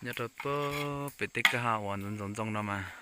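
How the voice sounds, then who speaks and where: A man's voice: on the low side, moderate pace, heavy background noise. A man vlogging outdoors near a stream, chatting casually as he explains what he is doing. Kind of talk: casual talk while working.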